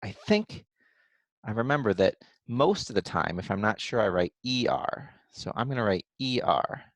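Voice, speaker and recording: A man teaching kindergartners to write, thinking aloud slowly and sounding out letters and syllables one at a time. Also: fairly low pitch, sing-song, no echo. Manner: thinks aloud in a gentle encouraging way. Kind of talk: modeling writing for young children.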